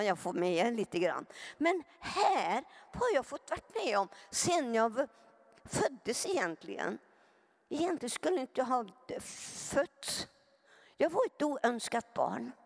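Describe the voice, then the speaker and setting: A woman's voice: mid-range voice, gravelly. A woman giving an earnest personal testimony to a live audience, often turning to them with direct questions. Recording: long hall reverb.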